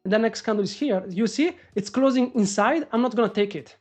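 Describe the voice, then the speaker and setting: A man doing live trading commentary on a stream, excitable and swearing as he talks to the market. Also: sits high, brisk, soft background music. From Morocco. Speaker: day trader live-streaming.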